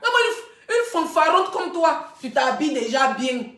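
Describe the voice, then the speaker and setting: A woman's voice: high voice, very animated, normal speed, fairly bright tone. A young woman with an Ivorian French accent, talking in a casual live stream, chatty and mocking, with frequent laughs. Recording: roomy echo.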